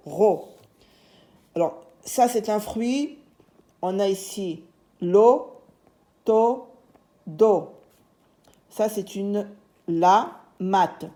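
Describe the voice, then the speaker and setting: A woman's voice: lowish voice, creaky, warm tone. A woman teaching young children to read, patiently spelling out letters and syllables. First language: Arabic. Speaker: primary school teacher. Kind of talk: slow, clear phonics lesson for young children.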